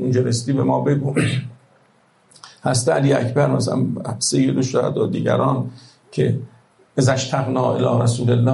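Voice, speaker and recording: Gravelly-voiced man preaching a sermon. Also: medium pitch, roomy sound, low-quality recording. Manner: impassioned, rhetorical, swings between hushed and loud. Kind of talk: religious sermon.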